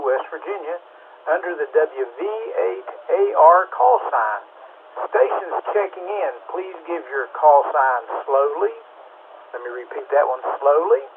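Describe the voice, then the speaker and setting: A man runs an amateur radio net as its control operator, reading out procedural calls. His fairly high voice comes through a narrow, phone-like radio channel with light static. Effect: two-way radio transmission with static. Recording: narrow, static-laced ham radio transmission.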